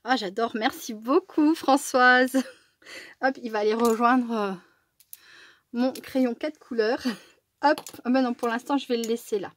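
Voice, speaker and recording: A woman's voice: on the high side, fairly even intonation, measured pace, long pauses. A woman chatting casually as a crafting vlogger while unboxing, with many fillers and small laughs.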